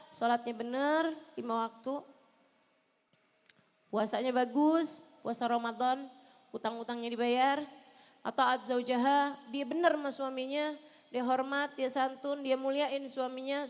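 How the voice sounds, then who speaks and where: A woman preaches in a big, reverberant hall. She talks straight to the wives in the room, hitting some lines loud and sinking others into soft pleading. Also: high voice. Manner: impassioned, addressing wives directly, swinging between loud emphasis and soft pleading. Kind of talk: sermon. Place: large hall at a religious celebration.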